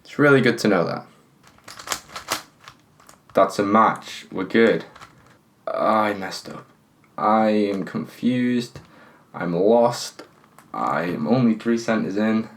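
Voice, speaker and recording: A man's voice: on the low side, slow, pauses often, slight background noise. A man hosting his own puzzle channel, thinking aloud and pleading with a stiff puzzle as he solves it. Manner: talks to the puzzle, pleading and exasperated; thinks aloud, counting pieces. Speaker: puzzle solving channel host. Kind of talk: casual talk while solving a puzzle.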